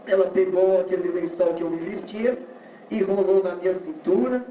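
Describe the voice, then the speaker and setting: A man's voice: high-pitched, fairly even intonation, normal speed, slight background noise. Brazilian man, church testimony, tells his story in character, heard from far off on a dull lo-fi recording. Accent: Brazilian Portuguese. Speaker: church member giving testimony. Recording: echoey, distant, lo-fi room recording.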